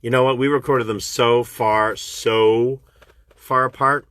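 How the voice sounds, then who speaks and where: Hosting a fan livestream over his phone, a Canadian voice actor answers questions in a casual, chatty, animated way, going up in pitch whenever excitement hits. He speaks slowly with a clean tone, in a dry recording.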